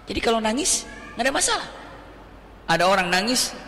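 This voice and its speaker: A man's voice: sits high, a little fast, a little hiss or hum. A man preaching a sermon, telling stories with feeling, quoting Arabic and putting questions to his listeners. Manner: animated storytelling, quoting Arabic, questioning the audience. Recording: long hall reverb.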